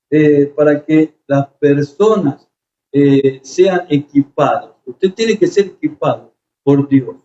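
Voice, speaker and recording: A man's voice: fairly high pitch, warm tone. A man preaching a sermon, telling stories with emotion and frequent hesitations. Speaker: pastor. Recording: echoey, slightly dull room recording.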